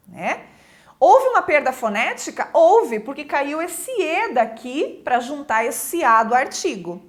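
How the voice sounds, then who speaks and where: A woman teacher giving a recorded grammar lesson. She explains step by step, keeps checking in with her listeners, and acts out example interjections with shifting intonation. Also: high-pitched.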